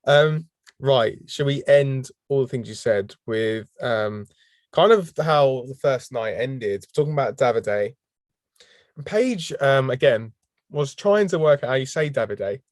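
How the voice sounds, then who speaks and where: A man's voice: medium pitch, expressive, unhurried, no room sound, clean studio sound. A man co-hosting a podcast in casual chat, laughing often as he talks. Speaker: podcast co-host.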